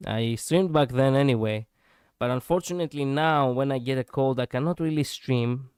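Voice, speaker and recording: Here the VTuber's voice is medium-pitched, smooth and darkish as he reflects casually and laughs off his own slips with self-deprecating humor. The studio-quality recording has no echo.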